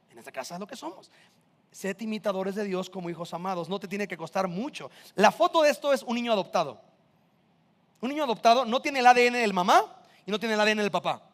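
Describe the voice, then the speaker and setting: High-voiced man preaching conversationally. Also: fairly bright tone, long reverb tail. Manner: conversational preaching with rhetorical questions. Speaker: pastor. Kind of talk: sermon.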